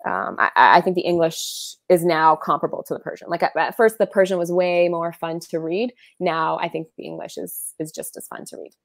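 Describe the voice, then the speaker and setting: Chatty woman with a gravelly, low voice. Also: brisk, few pauses, no echo. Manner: chatty, many fillers and restarts. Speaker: author and illustrator guest. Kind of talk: casual interview talk.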